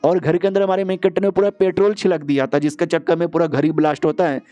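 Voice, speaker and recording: A man's voice: on the high side, little pitch movement, fast, warm tone, muffled recording. A man narrating a story recap in a casual, slangy way.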